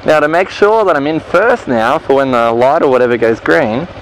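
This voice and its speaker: Riding slowly around an outdoor car park, a man with a higher-leaning voice teaches motorcycle gear changes, talking in a relaxed, rambling way with many fillers and restarts. He uses a helmet-mounted mic with the visor down, so the sound is muffled, echoey, and mixed with engine noise.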